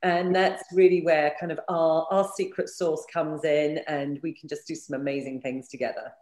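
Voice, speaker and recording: A woman with a croaky, froggy morning voice, answering conversationally as a business coach being interviewed and repeating phrases for emphasis. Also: deep voice, fairly even intonation, moderate pace, a little mellow. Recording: roomy, echoey sound.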